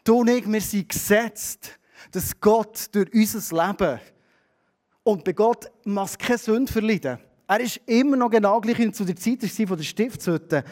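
A middle-aged preacher with a Swiss German accent speaks in a high-pitched voice at a slightly slow pace. His storytelling sermon is animated, rising loud and then dropping to a hush.

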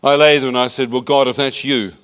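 A man telling his story in short, measured phrases, pausing between lines so they can be interpreted. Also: mid-range voice, flat delivery, a bit bright, clear, resonant tone. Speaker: guest speaker giving testimony. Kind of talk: emotional spoken testimony, paused for interpreter.

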